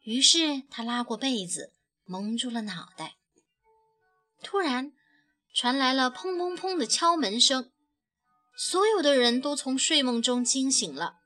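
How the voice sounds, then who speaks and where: Bright, slow woman reading a picture book. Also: sits high. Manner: gentle, expressive narration. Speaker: storyteller. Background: soft background music.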